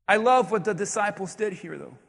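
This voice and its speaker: High-voiced preaching man, hall reverb. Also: a little fast, vocal fry. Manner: animated preaching, acts out congregation voices, shouts for emphasis. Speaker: pastor. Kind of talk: sermon. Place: church sanctuary.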